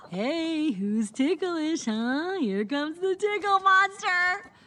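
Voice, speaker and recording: A woman's voice: extremely high pitch, lively intonation, slow, crowd noise, heavily acted. A woman voicing a relentlessly cheerful young cartoon character, playfully teasing in a tickle attack. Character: relentlessly cheerful young female emotion, Joy. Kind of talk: animated film dialogue. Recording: film clip with music behind.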